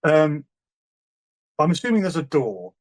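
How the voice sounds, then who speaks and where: A man's voice: a little high, very animated, unhurried. A man playing a tabletop game, hesitant and checking the rules. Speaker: player. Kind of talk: casual tabletop play.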